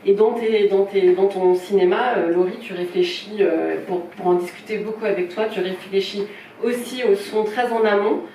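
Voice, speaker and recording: With a warm, mid-range voice at a moderate pace, a woman presents a filmmaker at a small event held in a film shop's event room, in front of people. She speaks informally, hesitating, apologizing and restarting many times. The recording sounds roomy and distant, with faint noise.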